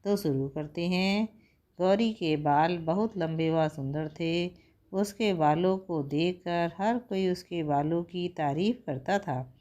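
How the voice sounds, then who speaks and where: A woman narrating a children's story, talking gently and directly to the kids. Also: lowish voice.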